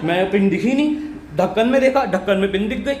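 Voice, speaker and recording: A young male comedian with a high voice tells a school story on stage. He slips into the voices of the people he quotes. The room is echoey, with a faint hum of ambience. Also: fairly quick. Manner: acts out quoted voices of teacher and classmates. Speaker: stand-up comedian. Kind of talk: stand-up storytelling. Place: comedy stage with live audience.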